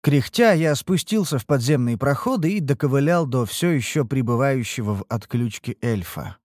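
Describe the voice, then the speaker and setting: A man's voice: moderate pace, no echo, clean studio sound. A man reading a fantasy novel aloud as scripted narration, shifting his voice for the characters' lines. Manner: expressive, shifts pitch for dialogue. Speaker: audiobook narrator.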